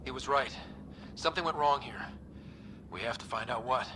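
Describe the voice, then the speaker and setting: An actor playing an earnest, level-headed young male space explorer in a video game, speaking in a measured way. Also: mid-range voice, noisy background, close to an everyday voice. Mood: steady, cautious.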